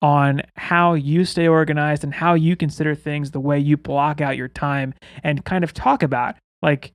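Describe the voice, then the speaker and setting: A man's voice: on the high side, fairly even intonation, normal speed, dry recording, clean studio sound. A man hosting a podcast in casual, chatty style, with whistling S sounds when he speaks. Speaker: podcast host.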